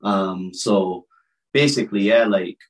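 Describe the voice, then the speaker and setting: A man's voice: deep voice, slow, low-quality recording. A man in his thirties, born in Pakistan and raised in the north of England, with Urdu as his first language, telling his life story as a wrestler guest in a casual interview, open and rambling with many restarts. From born in Pakistan, raised in West Yorkshire. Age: 30s.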